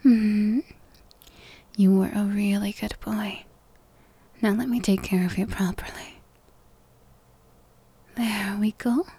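A woman whispers close to the mic in a slow, soothing comfort roleplay. Her voice is mellow and breathy, staying flat and even. The sound is dry with no room around it. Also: medium pitch, no echo. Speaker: ASMR roleplay performer.

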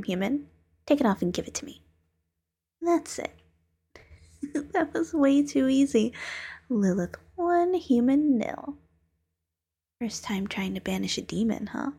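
A playful female demon who loves to hypnotize, voiced by a woman speaks in a breathy, whispery hush. Her slow, unhurried delivery has a gravelly fry and a mellow tone, soft-spoken and coaxing in an ASMR roleplay. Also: a little high, exaggerated voice. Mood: gloating.

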